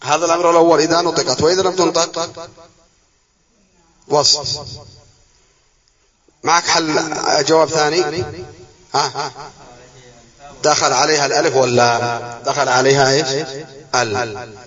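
A man's voice: on the high side, fairly even intonation, normal speed, pauses often, fairly bright tone. A man teaching an Arabic spelling lesson, reading from a text, explaining it and quizzing his students, repeating key words. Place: classroom. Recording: distant dull classroom recording with students around.

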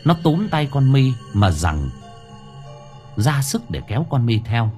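A man narrating a story in a lively, expressive way. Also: medium pitch, slow, faint music behind. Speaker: audiobook narrator.

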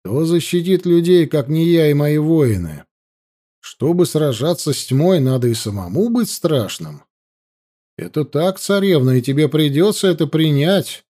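Brief: male reader as a measured, cold werewolf chief, dark-toned and guarded. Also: a little high, animated.

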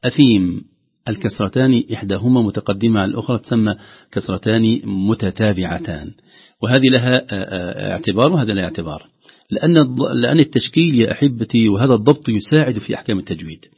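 A man teaching Quran recitation rules on a call-in lesson, explaining patiently with drawn-out filler pauses and slowly voicing words aloud to show how they sound. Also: on the low side, breathy edge. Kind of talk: tajweed lesson on a call-in broadcast. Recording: dull lo-fi broadcast audio.

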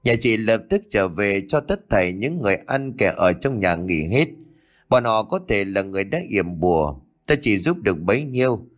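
A man voicing an old male sorcerer-healer who gives calm, measured advice. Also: on the low side, natural voice. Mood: calm grave.

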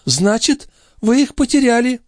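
A man's voice: very high voice, lively intonation, unhurried, no echo, studio quality, pitched above the performer's own voice. A man voicing a wily, sugary old female concierge who whines and protests indignantly. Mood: shrill indignant.

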